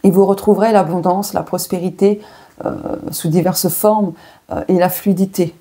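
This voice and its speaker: A French woman gives a casual oracle card reading to her viewers, thinking aloud and filling pauses as she turns each card. Her voice is dark and mellow, with a husky, slightly breathy edge. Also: fairly low pitch, steady tone. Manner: chatty, thinks aloud with many fillers and self-asides. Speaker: tarot and oracle card reader.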